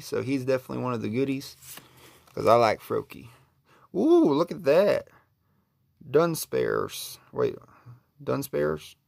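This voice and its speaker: A man with a drawl talks slowly in a gravelly, creaky voice. He chats in an easygoing, relaxed way, admiring each card he pulls from a pack. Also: medium pitch, no echo. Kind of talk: casual unboxing commentary.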